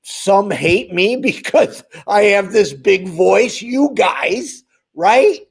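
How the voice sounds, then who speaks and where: The speaker is a man with a high-pitched, animated voice that moves at a slow pace and carries a creaky, breathy edge. A homeless advocate and channel host, he rants with emphasis and passion directly to his viewers.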